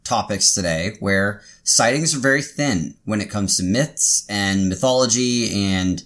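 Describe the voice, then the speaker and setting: A man's voice: fairly low pitch, unhurried, a bit bright. A man with an American accent chatting casually and wryly as a podcast co-host.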